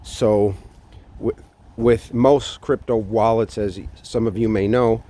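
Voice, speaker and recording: An American man talking casually to viewers in a halting, thinking-aloud way as he walks. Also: on the low side, fairly even intonation, warm tone. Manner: unhurried, halting, thinking aloud while walking. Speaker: vlogger. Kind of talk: casual walk-and-talk vlog to viewers. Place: outdoors, walking along New York City streets. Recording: outdoor city street noise, faint traffic. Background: faint outdoor ambience and vehicles.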